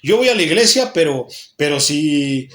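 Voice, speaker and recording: A Mexican pastor voicing a selfish churchgoer who pleads and bargains with God, speaking in a raised, insistent voice. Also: male voice, fairly high pitch, expressive, moderate pace, a bit bright, echoey room. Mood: pleading.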